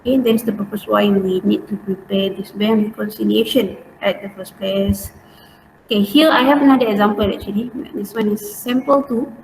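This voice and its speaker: A woman's voice: mid-range voice, steady tone, normal speed, darkish tone. A woman with a Malaysian accent teaching an informal online lesson step by step, in colloquial Malaysian English sprinkled with particles like lah and eh. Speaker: accounting teacher. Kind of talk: informal online lesson, talking through worked steps. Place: indoors, online class. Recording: roomy, distant mic, faint noise.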